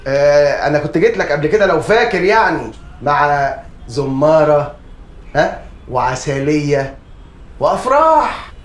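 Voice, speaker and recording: An actor playing a scheming, smooth-talking male lawyer with an Egyptian accent, who talks in a rapid, coaxing way. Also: fairly high pitch, big pitch swings, slight background noise. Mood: ingratiating. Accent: Egyptian Arabic. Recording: roomy film audio with faint music.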